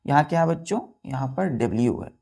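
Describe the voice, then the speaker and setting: A woman's voice: rumbling low, animated, a little fast, vocal fry, mellow, slightly rough. A woman teaching a vocabulary class, spelling words letter by letter, asking the class questions and answering them herself.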